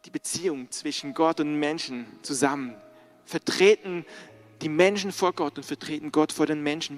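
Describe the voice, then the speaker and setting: Earnest high-voiced male preacher. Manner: earnest, direct questions to the congregation. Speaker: pastor. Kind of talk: sermon.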